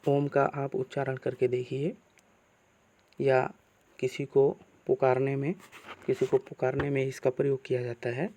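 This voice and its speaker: A man teaching a grammar lesson, asking questions and answering them himself in slow, repeated teacherly phrasing. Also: medium pitch, completely flat delivery, warm tone, slight background noise.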